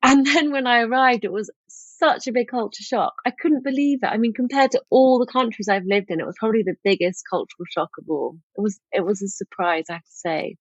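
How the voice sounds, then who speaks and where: A woman's voice: on the high side, fairly quick, hardly any pauses, dry recording. Middle-aged woman guest, storytelling with ums, dull close recording. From England. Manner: chatty, storytelling, frequent ums. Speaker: guest author. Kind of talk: casual podcast interview.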